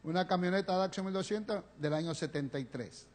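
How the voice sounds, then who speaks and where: A male pastor preaching a sermon, telling a personal story with feeling and swinging between loud pleading and hushed confession. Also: high-pitched, fairly quick. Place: church sanctuary, live stream.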